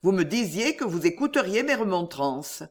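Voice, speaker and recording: Reader voicing an older male notary, grave, cautious, measured, expressive pitch. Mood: earnest. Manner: measured, earnest advising. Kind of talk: audiobook character reading.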